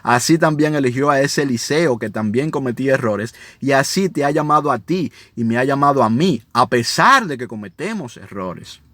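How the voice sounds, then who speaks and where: A man leads a Bible lesson at a medium pitch, reading verses aloud and then explaining them in plain, conversational speech. He keeps turning to his listeners with small prompts. The recording is dry, with no room sound. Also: expressive, normal speed, hardly any pauses, a bit bright, no room sound. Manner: conversational, checks in with listeners often. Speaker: Bible teacher. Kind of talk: Bible study teaching, reading scripture with commentary.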